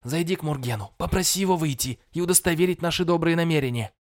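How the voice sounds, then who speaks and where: A man's voice: on the high side, fast, pitched above the performer's own voice, close to an everyday voice. A man voicing a cold, poised young enchantress who speaks with ringing, polite coolness. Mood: cool. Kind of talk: audiobook character voice.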